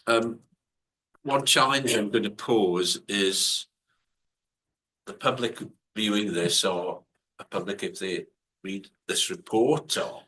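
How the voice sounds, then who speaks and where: A man chairing a board meeting over a video call, measured and often repeating words as he thinks aloud. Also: lowish voice, bright, forceful tone, a little hiss or hum, low-quality recording.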